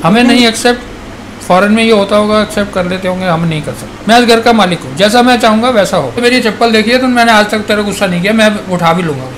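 A middle-aged father scolds his son at home in a stern voice set high for a man. His talk is blunt and threatening, with faint noise around him. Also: fast, fairly bright tone. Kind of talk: family argument at home. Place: family home indoors.

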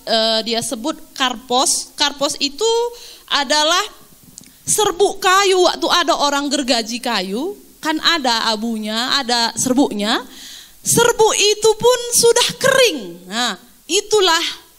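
Lively high-voiced woman preaching. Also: takes it slowly. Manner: lively, animated preaching with acted-out quotes and laughter. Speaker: pastor. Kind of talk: sermon.

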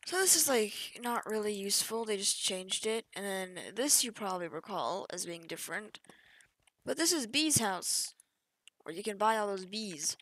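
This gaming YouTuber, a young woman, walks through a game update on screen capture in a chatty, offhand way, leaving sentences unfinished. She speaks at a moderate pace with medium pitch, lively intonation and a slightly bright tone. The recording is rough, with a little background noise.

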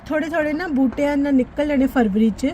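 A woman's voice: high voice, fast, warm tone, a little hiss or hum. A woman with a Punjabi accent chatting casually for a home vlog, chirpy and exclaiming, dropping English phrases into her talk. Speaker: daily vlogger.

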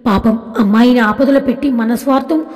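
A woman narrator reading the lines of a grieving, kind-hearted widowed mother, in a sorrowful, gentle way. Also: on the high side, fairly quick, in a large hall, close to an everyday voice. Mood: worried.

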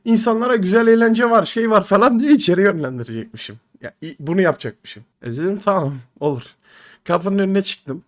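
Fast-talking young man telling a story. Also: sits high. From Turkey. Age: 20s. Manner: animated, slangy, swearing, addresses listeners as guys. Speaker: podcast storyteller. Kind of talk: casual anecdote storytelling.

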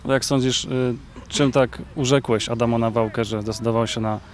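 A male sports reporter interviewing a player outdoors beside a pitch, asking long questions with filler sounds. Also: fairly even intonation, normal speed. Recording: faint outdoor noise.

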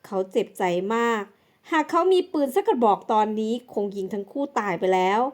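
A woman's voice: fairly high pitch, very animated, a little fast. A woman narrating a scripted melodrama for a life-sim story channel, telling it with dramatic flair.

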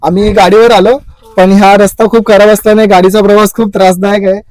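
Excited high-voiced male vlogger outdoors. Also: brisk, no room sound. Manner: excited, addresses viewers directly. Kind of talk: casual outdoor vlog narration. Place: outdoors in a village.

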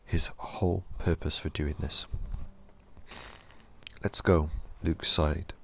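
Man, horror story narrator, gravelly fry, very low pitch, slow measured reading. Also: flat delivery, a little hiss or hum.

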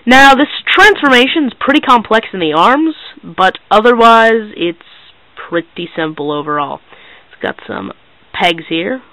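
A teenage boy giving a casual hands-on toy review in a hesitant, halting, low-key way. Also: expressive, bright, forceful tone, no room sound, rough recording. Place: small bedroom, indoors.

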